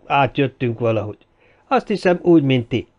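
A man's voice: mid-range voice, animated, dull audio, lightly acted. A male narrator voicing a vague, detached man who talks hesitantly and trails off. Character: vague, detached adult man, unsure of himself.

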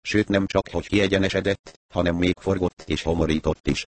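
A male narrator reads a first-person adventure story with a wry, storytelling touch. His voice is deep, and the recording is dry and close with no room sound. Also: steady tone, no echo. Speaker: audiobook narrator.

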